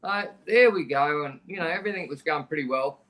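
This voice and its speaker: This middle-aged Australian speaks a little fast, with a fairly high pitch and a slightly bright sound. As a podcast guest he recounts something personal, frankly and plainly, restarting sentences often in a conversational way.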